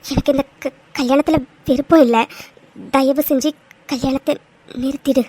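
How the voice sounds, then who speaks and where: A woman voicing a very high-pitched young bride. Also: steady tone, normal speed, a little mellow, a little hiss or hum, natural voice. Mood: firm. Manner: insistent, exasperated, tearful pleading. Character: young bride pleading to cancel wedding. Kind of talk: cartoon voice acting.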